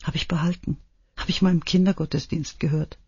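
A man voicing a small, kind-hearted older woman who talks softly and haltingly through tears, in an audiobook reading. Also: a little high, husky, dry recording, dull audio, exaggerated voice. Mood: tearful. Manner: soft, halting, weepy.

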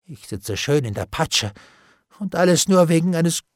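A man's voice: huge pitch swings, normal speed, husky, dry recording, clean studio sound, full character voice. Man voicing a whining, terrified bailiff. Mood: pleading. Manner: high, whining and begging, with gasps and whispered prayers. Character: frightened, pleading male bailiff, cowardly and wheedling. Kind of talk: audiobook character reading.

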